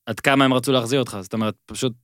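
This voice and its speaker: A man's voice: mid-range voice, fairly even intonation, fairly bright tone, no room sound. A male podcast co-host with a mid-range voice asks careful follow-up questions, curious to get the facts straight. His voice sounds dry and close. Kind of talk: casual interview chat.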